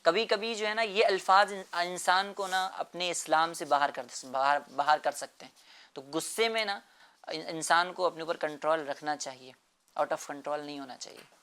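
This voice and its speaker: A man's voice: a little high, pushed and bright, clear, resonant tone. A man explaining a moral lesson to children in an earnest way, repeating phrases and often checking with "right?".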